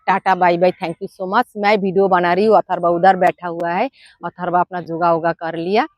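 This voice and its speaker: A middle-aged woman, a mother, giving frank, down-to-earth parenting advice in a casual vlog, pausing often with "uh". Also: fairly low pitch, level tone, dry recording, lo-fi sound. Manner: frank and down-to-earth, with many "uh" pauses.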